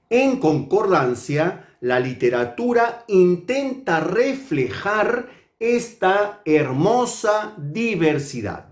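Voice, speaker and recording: A man from Peru, a literature teacher, reviewing a book in a slow, measured and deliberate way. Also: a little high, a little mellow, roomy sound.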